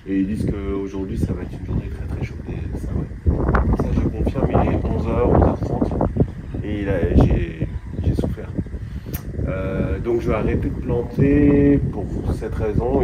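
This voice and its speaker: Low-voiced French man, relaxed outdoor vlog. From France. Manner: easygoing, chatty, many hesitations. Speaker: vlogger planting a tropical garden. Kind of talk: casual outdoor vlog talk. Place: outdoor plantation on a hot day. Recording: loud outdoor background noise.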